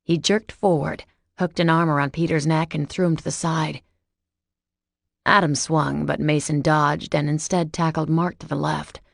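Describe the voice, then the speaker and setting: A woman reading a first-person romance audiobook in a steady, measured way. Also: sits low, vocal fry, no room sound, clean studio sound. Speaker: audiobook narrator.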